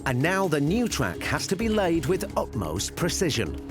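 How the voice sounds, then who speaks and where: Animated male documentary narrator. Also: a little high, moderate pace. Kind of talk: scripted narration. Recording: music behind the voice. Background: background music.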